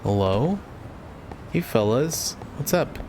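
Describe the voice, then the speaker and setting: A man's voice: medium pitch, expressive, takes it slowly, darkish tone, a little hiss or hum. A man giving casual, joking commentary while playing a video game, often breaking into laughter.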